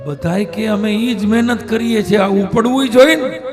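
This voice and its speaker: Man, devotional storyteller, high voice, dramatic loud-to-hushed delivery, long hall reverb. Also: normal speed, music in the background. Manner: lively, acts out characters' lines with dramatic shifts from loud to hushed. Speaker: Bhagavata katha storyteller. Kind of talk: devotional katha storytelling sermon.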